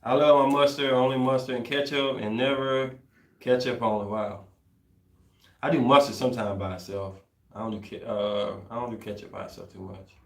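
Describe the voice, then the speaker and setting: A man co-hosting a podcast in casual chat, laid-back and slangy, getting animated when he rants. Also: mid-range voice, normal speed, echoey room. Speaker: podcast co-host.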